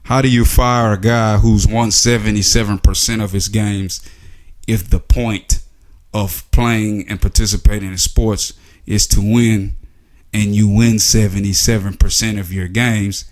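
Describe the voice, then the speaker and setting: A man's voice: on the low side, fairly even intonation, a little slow. A man delivering a casual, sarcastic opinion monologue, full of rhetorical questions and filler words. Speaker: sports commentary vlogger.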